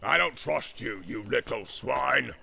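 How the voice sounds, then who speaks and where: A man voicing a brutal, boastful male orc captain who barks orders in a deep growl. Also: animated, vocal fry, bright, forceful tone, slightly rough, exaggerated voice. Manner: barking slow blunt orders.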